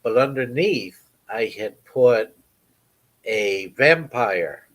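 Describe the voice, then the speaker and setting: A man with a Maine accent chats casually, spinning a story slowly and deliberately. His pitch swings widely, and he breaks into laughter as his voice jumps high. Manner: animated storyteller, laughing, voice leaps up when amused. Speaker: storyteller in chat. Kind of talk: casual chat.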